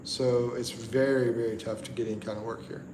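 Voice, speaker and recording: This livestream host is a middle-aged American from the Carolinas, broadcasting at night from home in the Philippines. His voice is medium in pitch, his casual chat about viewer comments is easygoing yet halting with lots of ums and restarts, and the echoey room has steady background noise.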